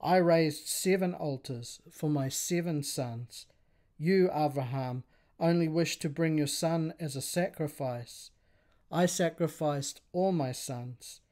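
A man's voice: fairly high pitch, slow, a little mellow. A man reading the lines of a grieving, defiant mother of seven sons in a story told aloud. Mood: tender, resolute. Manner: pleading then defiant, read aloud.

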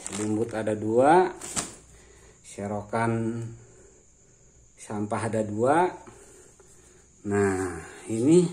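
A man's voice: lowish voice, darkish tone. A man from Banten, presenting prize items in a casual, itemizing walkthrough. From Banten, Indonesia. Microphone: handheld phone behind camera. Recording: noisy phone recording with room ambience.

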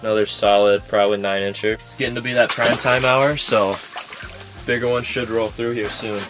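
A young man giving casual play-by-play while ice fishing, often murmuring quietly as he reels fish in, recorded inside an ice fishing shelter by a wide camera. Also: steady tone, normal speed, over music, low-quality recording. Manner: laid-back, often murmured low while reeling in fish. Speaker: fishing vlogger.

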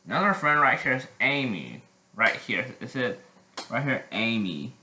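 A teenage boy chatting casually in a vlog, halting with many restarts and frequent throat clearing. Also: medium pitch, sing-song, pushed and bright, reverberant, rough recording. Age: teens. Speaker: vlogger.

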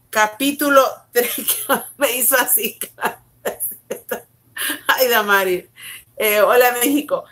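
A woman pastor teaching the Bible on a live stream from her bedroom at home, urging viewers along briskly and greeting them by name. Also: high-pitched, fairly bright tone.

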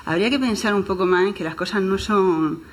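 A woman's voice: mid-range voice, a little fast. Female councillor on a radio panel, thoughtful, circles back to her phrases. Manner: reflective, repeats key phrases. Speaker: city councillor. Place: radio studio.

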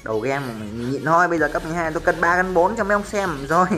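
A young man giving live gameplay commentary, chatty and self-mocking, who jumps to excited yelling in fights. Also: on the high side, rapid-fire. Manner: self-mocking, cursing banter. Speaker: gameplay streamer. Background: faint background music.

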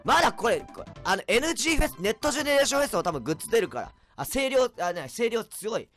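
A man chatting on a casual home livestream, a bit tipsy, reading comments with a rambling, erratic manner and sudden loud outbursts. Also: extremely high pitch, big pitch swings, quick pace, faint music behind. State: tipsy from drinks. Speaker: livestreamer, band vocalist. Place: at home, indoors. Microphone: cheap desk mic.

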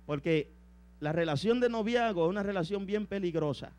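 A man's voice: high-pitched, moderate pace, darkish tone. A young adult man preaching a fervent sermon in a church, constantly dropping praises. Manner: fervent, peppered with interjections of praise. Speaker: evangelist preacher.

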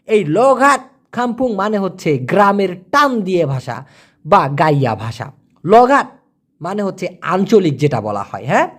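A language teacher, giving a casual spoken lesson and repeating example phrases slowly, word by word. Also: medium pitch, fairly bright tone.

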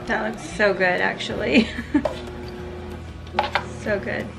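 A woman's voice: medium pitch, steady tone, slow, creaky, over music, rough recording. A woman in her forties chatting casually on a home vlog from her kitchen, rambling and laughing often. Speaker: vlogger. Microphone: camera on the counter, sometimes handheld.

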